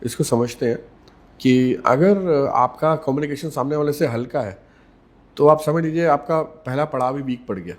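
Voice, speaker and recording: A man speaking as a communication coach in a podcast interview, measured and emphatic, repeating key words and slipping English phrases into Hindi. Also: medium pitch.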